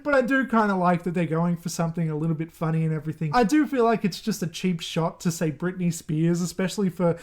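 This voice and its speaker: High-voiced chatty man ranking movie deaths. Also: animated, fast talker, few pauses, darkish tone. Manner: chatty, rambling, laughs often. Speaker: horror movie YouTuber. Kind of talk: casual ranking commentary.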